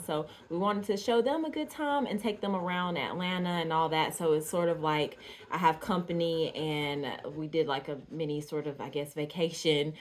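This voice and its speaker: A woman from Georgia talks casually to her viewers, filling pauses with ums and soft laughs. Her voice sits a little low for a woman. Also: slight background noise. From Georgia, USA. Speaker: doll artist vlogger. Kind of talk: casual chat to camera.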